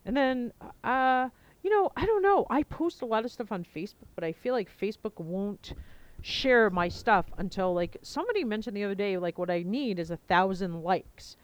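Her voice is clear and smooth, slightly low, and expressive at a normal speed as she hosts a podcast in a loose, wandering, think-aloud style. She's talking into a headset, so the sound is low quality and the recording rough.

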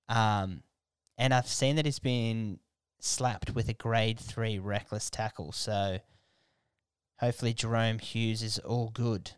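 A man's voice: mid-range voice, smooth, no room sound, clean studio sound. An Australian man hosting a podcast in a casual comedic monologue, blokey and irreverent, with heavy swearing and slang. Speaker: podcast host.

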